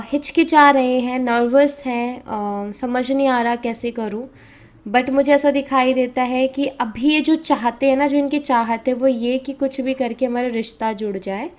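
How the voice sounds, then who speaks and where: A woman from India talks through a tarot reading in a casual, conversational way. Her voice sits a little high, and she mixes English words in freely with frequent hesitation fillers. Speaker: tarot reader.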